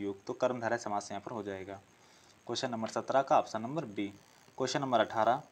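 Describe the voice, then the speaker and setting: In an exam-prep class, a man at medium pitch steps through the questions one by one, reading each aloud, giving the answer, and repeating important phrases as he explains.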